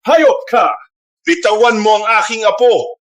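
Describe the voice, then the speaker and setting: An actor playing a fierce, defiant old grandfather, shouting in a husky voice in a dubbed drama. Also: sits high, expressive, measured pace. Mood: desperate angry. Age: older.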